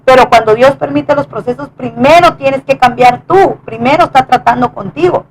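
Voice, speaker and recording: A woman with a high voice recounts a personal testimony in an earnest, conversational way. She often stumbles and restarts her phrases as she speaks. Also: a little hiss or hum, rough recording. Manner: earnest, halting with many restarts. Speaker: wife sharing testimony.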